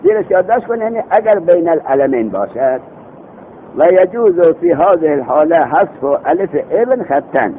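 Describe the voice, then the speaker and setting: A man teaching a classroom grammar lesson, quizzing his students and reciting examples slowly. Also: big pitch swings. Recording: tinny phone-like recording with faint vehicle rumble.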